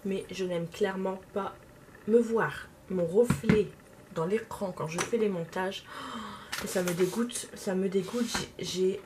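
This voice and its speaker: A woman's voice: medium pitch, a little slow. Young woman w/ a bit of a lisp, chatting while doing makeup, lots of euhs, some faint hiss. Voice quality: slight lisp. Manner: hesitant, many fillers. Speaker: makeup vlogger.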